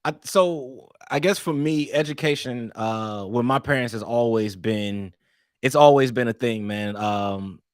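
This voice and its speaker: A young man from East St. Louis, Illinois, tells stories as a relaxed interview guest, rambling, restarting sentences and dropping "man" every few lines. His everyday-pitched voice is a little slow and sounds close and dry, with no echo or room around it.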